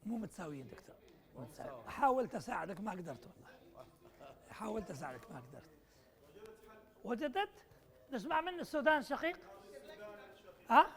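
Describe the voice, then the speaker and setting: At a conference workshop, a man running a puzzle exercise jokes with participants and urges them on, code-switching between Arabic and English. His high, fairly bright voice is sing-song and fast, and he pauses often.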